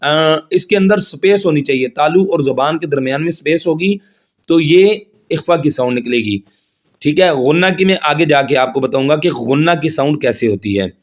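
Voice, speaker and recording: A man teaching Quran recitation rules to beginners, patiently explaining each point, checking in often, and drawing out the Arabic examples slowly. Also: a little high. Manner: chants Arabic words slowly and stretched out. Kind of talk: tajweed lesson.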